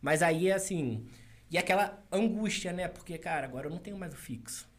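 A man's voice: on the high side, lively intonation, a little fast, fairly bright tone. A young adult man, a business consultant co-hosting a podcast, telling a personal story in casual conversation, acting out quoted dialogue and laughing often.

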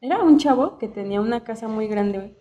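Mellow Mexican woman reminiscing. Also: on the high side, animated, a little fast, dull audio, slight background noise. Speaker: podcast co-host. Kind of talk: casual storytelling chat.

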